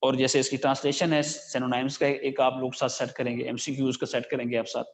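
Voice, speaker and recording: A man with a Pakistani accent, teaching an English lesson. He reads the English lines slowly, then explains each one in Urdu with plenty of fillers. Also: mid-range voice, flat delivery. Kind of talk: line-by-line lesson translating a story into Urdu. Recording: dull lo-fi recording.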